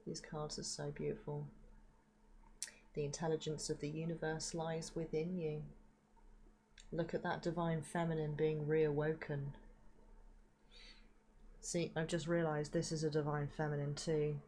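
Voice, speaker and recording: A woman giving a spiritual card reading in a slow, soft, reflective way, with frequent ums and repeated words, into a desk microphone at home. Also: sits low, flat delivery. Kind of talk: livestreamed tarot reading.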